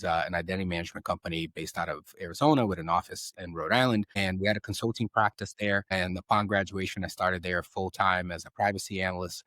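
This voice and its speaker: Brazilian-born man, 30s, very low voice, dry close mic, chatty and energetic interview guest. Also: no echo. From Southeast Brazil. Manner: energetic storyteller, repeats words, asks "right?" often. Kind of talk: casual interview talk.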